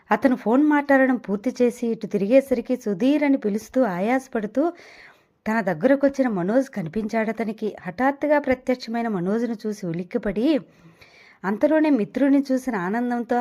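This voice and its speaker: A woman narrating an audio novel in steady, scripted storytelling. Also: fairly high pitch.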